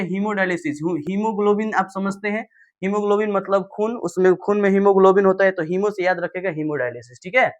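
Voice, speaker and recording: A young man teaching an exam revision lesson, quickly reading each question, answering it himself and checking in with "okay" after nearly every point. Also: high voice, a bit bright. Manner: rapid question-and-answer drilling with frequent "ठीक है".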